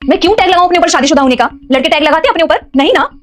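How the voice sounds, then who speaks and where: Young woman doing a stubborn new bride, high voice, fires back super fast, faint music under. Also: lively intonation. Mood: defiant. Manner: argumentative, indignant retorts. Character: defiant young bride, sharp-tongued and stubborn. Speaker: young bride in a family skit.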